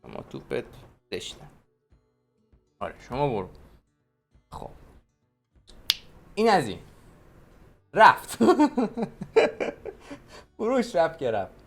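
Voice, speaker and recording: Excitable man narrating pack openings. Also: medium pitch, vocal fry, pauses often, soft background music. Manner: excitable, talks to the cards and his viewers. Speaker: gaming video creator. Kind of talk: pack-opening gameplay commentary.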